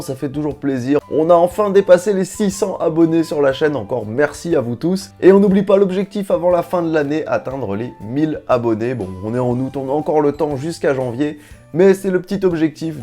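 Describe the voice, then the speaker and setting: A man's voice: fairly high pitch, warm tone. A man with a grainy morning voice hosting an unboxing vlog in informal, slangy, casual chat. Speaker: YouTube host.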